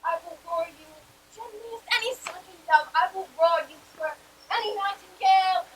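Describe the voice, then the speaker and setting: A woman's voice: very high voice, moderate pace, recorded from a distance, low-quality recording. A woman playing a boastful, eager male weaver in a Shakespearean stage comedy, with a bombastic, declamatory delivery.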